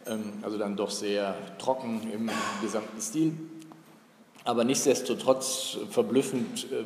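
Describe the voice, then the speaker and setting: A man giving a university lecture, relaxed and thinking aloud with many fillers. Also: lowish voice. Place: lecture hall. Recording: roomy echo in a lecture hall, faint room noise.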